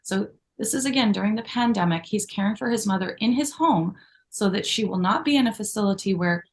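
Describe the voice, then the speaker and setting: A middle-aged woman who co-founded a magazine talks conversationally in an interview, sounding grateful and telling stories full of asides. Her voice is mid-range and her pace brisk.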